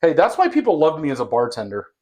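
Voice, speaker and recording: A man's voice: a little high, wildly swooping pitch, fast talker, a little mellow, slight background noise. A man who is a bartender and podcast co-host, chatting in an easygoing, playful way while mixing drinks. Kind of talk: casual chat.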